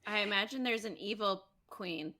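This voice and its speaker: A woman with a bright, crisp voice at a mid pitch co-hosts a casual podcast. She chats loosely and reacts with playful guesses and laughter. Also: normal speed. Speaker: podcast co-host. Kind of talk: casual chat.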